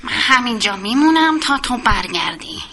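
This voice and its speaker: Woman doing a bullying fox, greedy, threatening, high bright tone, storybook. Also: sing-song, a little hiss or hum. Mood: demanding. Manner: demanding, threatening. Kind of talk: children's storybook reading.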